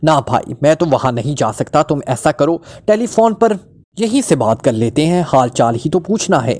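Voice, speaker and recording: A man's voice: on the high side, very animated, normal speed, darkish tone. A man voicing a flippant, unflappable male detective who teases and mocks in a breezy way. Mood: teasing. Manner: breezy, mocking, teasing.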